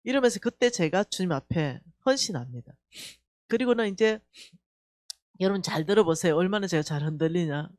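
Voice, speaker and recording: Woman, Gyeongsang Korean accent, church testimony speaker; lively, swooping delivery; acts out dialogue; dry close sound. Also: on the low side, fairly quick, no room sound. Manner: animated storytelling, acting out dialogue. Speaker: church staff member giving testimony. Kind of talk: emotional revival testimony.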